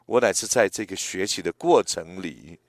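A man in his eighties preaching a sermon in a gentle, reflective way, often pausing and restarting his phrases. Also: low voice, no echo. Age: 80s.

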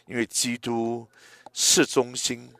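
A man in his eighties preaching a sermon in a gentle, reflective way, often pausing and restarting his phrases. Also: mid-range voice, completely flat delivery, no room sound. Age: 80s.

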